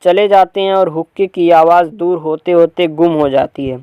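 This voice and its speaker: A man's voice: fairly high pitch, moderate pace, smooth, dry recording, lo-fi sound. A man reading a play aloud for students, narrating the stage directions plainly. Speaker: teacher.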